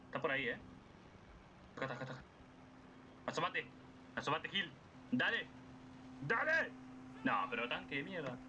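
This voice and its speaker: A young man with an Argentine accent giving casual, excitable gameplay commentary, swearing and shouting at the game. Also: medium pitch, fairly quick, pauses often. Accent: Argentine Spanish. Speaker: gaming YouTuber. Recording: noisy game audio with gunfire behind.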